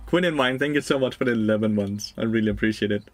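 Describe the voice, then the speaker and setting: In a dry recording, a young man with a lowish voice talks fairly quickly while playing a game on stream. His commentary is casual, blunt and profane, broken up by laughter and replies to chat.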